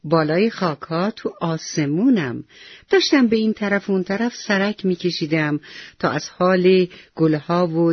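A woman's voice: fairly low pitch, slightly rough, no room sound, highs cut off. A woman voicing the sun in the sky, teasing and urging a lazy seed to wake up and sprout. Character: warm sun in the sky, cheerful, coaxing, persistent.

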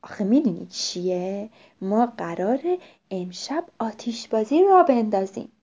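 A woman voicing an eager little boy from a children's story. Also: medium pitch. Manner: eager, lively. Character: excited little boy who loves fireworks. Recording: dull lo-fi recording.

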